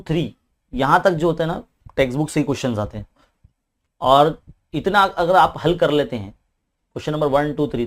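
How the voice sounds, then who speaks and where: A man with an Indian Urdu-speaking accent, a maths teacher working through an exam paper step by step and often adding a questioning "hai na". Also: fairly high pitch. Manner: talks quickly. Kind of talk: paper-solving lesson.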